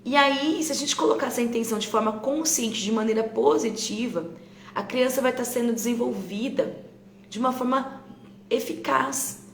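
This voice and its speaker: On a phone live stream, a teacher with a Brazilian Portuguese accent addresses parents conversationally, often using tag questions to check in. Her voice is on the high side at a normal pace. Slight background noise and faint ambience come through a roomy echo.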